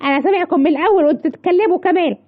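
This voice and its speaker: A woman's voice: very high-pitched, rapid-fire, narrow, tinny audio. A woman with an Egyptian accent voicing a taunting villainous hunter in a children's story, with music behind. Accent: Egyptian Arabic. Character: sneering villainous hunter man.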